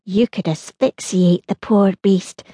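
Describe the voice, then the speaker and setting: A woman's voice: mid-range voice, fairly even intonation, takes it slowly, no echo, clean studio sound. Woman voicing an eager, urgent little girl. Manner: urgent, bright, pleading. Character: eager, excited young girl. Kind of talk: audiobook character voice.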